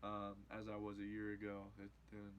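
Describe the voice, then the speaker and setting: A man who competes in MMA, answering interview questions in a casual way, repeating himself and getting more animated when excited. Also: fairly low pitch, normal speed, slight background noise, poor audio. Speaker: MMA fighter.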